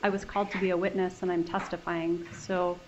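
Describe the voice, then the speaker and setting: A woman's voice: on the low side, level tone, a little fast, a little mellow, highs cut off, slight background noise. A woman testifying as a witness in court, giving brief, guarded answers. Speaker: witness, a lawyer herself.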